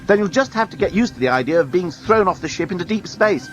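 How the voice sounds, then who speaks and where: A man's voice: high-pitched, lively intonation, quick pace, soft background music, voice pushed up. A man voicing an impatient, amorous alien male journalist in a read-aloud story.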